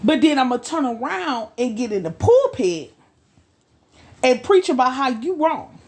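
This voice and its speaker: A woman's voice: high-pitched, sing-song, a little mellow. Emphatic woman with a preaching cadence. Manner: emphatic, preaching cadence with slow stressed phrases. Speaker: podcast co-host. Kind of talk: casual podcast discussion.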